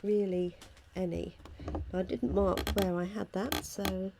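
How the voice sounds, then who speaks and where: A hoarse, croaky-voiced woman chattily talking through each step of a casual live craft tutorial as she works. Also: medium pitch, fairly even intonation, takes it slowly, background noise. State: hoarse from illness. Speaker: craft demonstrator hosting a live stream. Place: at a craft table indoors.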